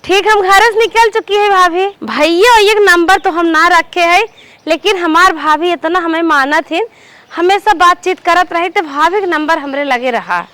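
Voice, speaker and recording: A woman with an Awadhi accent acting a meek, tearful married stepdaughter who pleads softly in a family comedy skit. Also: very high voice, measured pace, heavily acted. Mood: cheerful. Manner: pleading, soft-spoken.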